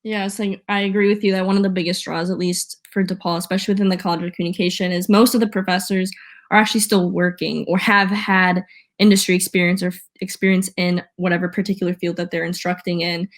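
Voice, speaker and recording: A woman's voice: on the low side, little pitch movement, fast talker. A young woman in her twenties hosting an interview, friendly and affirming as she steers with questions. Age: 20s. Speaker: student host.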